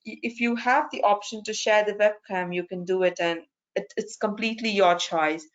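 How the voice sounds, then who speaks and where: A woman's voice: medium pitch, moderate pace. A woman moderating an online conference, giving polite step-by-step instructions with frequent restarts, heard through a video call screen recording. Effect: captured in a video call screen recording. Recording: dull lo-fi video call audio.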